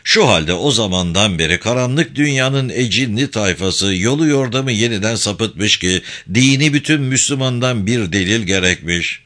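A man's voice: on the low side, lively intonation, normal speed, hardly any pauses, pushed and bright. A man doing a stern old sufi sheikh. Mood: solemn commanding. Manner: grave, commanding instructions.

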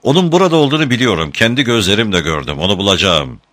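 A man reading the part of a furious, grieving young swordsman who shouts urgent threats, in a higher, louder voice than his narration. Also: big pitch swings, fast talker. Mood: desperate.

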